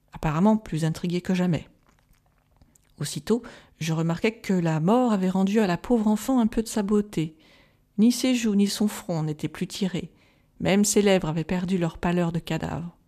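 A woman reading a gothic novel aloud as an audiobook, calm and measured, softly voicing the quoted lines. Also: lowish voice. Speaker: audiobook reader. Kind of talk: scripted narration of a gothic novel.

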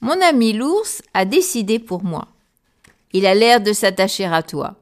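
Give me a woman playing a wary, gruff old bearded man, slow-spoken. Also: mid-range voice, sing-song. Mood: wistful.

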